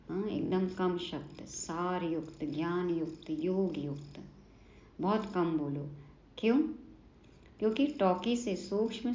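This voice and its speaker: A woman's voice: on the low side, warm tone. A woman giving an earnest devotional sermon who asks questions and answers them herself, often prompting with short "haan" and "hmm?". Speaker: spiritual teacher explaining a daily lesson. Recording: roomy, slightly dull recording.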